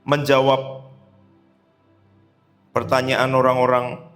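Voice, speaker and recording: A male pastor from Indonesia reading scripture and preaching a church sermon, building to fervent shouted peaks. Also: mid-range voice, monotone, slow, soft background music. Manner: reads scripture then preaches with rising fervor, shouting at peaks.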